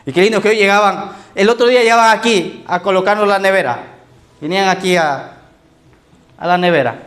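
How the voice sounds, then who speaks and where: A man's voice: high-pitched, fairly quick, a bit bright. A male pastor, preaching in a conversational sermon style and often checking in with "¿ok?".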